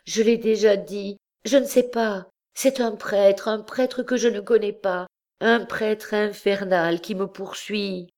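A woman's voice: medium pitch, fairly even intonation, takes it slowly, darkish tone, pitched above the performer's own voice, natural voice. A woman reading aloud voices a terrified young girl on trial, pleading and crying out in anguish. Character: terrified young Roma dancer on trial, desperate.

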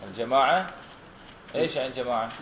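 Speaking at a racing pace in a medium-pitched voice, a man leads a Quran recitation class, asking questions and patiently echoing students' answers. It's a roomy, dull, lo-fi classroom recording with background noise.

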